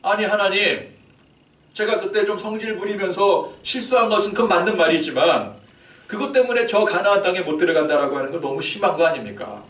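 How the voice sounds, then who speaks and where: A man's voice: sits high, expressive, brisk, fairly bright tone, voice pushed up. A man voicing Moses as an aged, earnest male prophet pleading with God. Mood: protesting. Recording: echoey church hall, distant mic.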